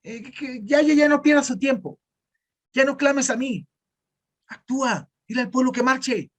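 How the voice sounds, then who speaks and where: A man's voice: very high voice, normal speed, pitched above the performer's own voice. A man voicing God as a teasing, insistent figure who urges Moses to stop praying and act. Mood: coaxing. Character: God, urging Moses in folksy slang.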